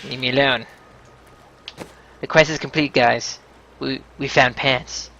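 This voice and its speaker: A man's voice: mid-range voice, steady tone, unhurried, vocal fry, pushed and bright, lo-fi sound, a little hiss or hum. A man chatting and joking with viewers as he plays a video game. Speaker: let's play host. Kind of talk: casual gameplay commentary. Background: game music.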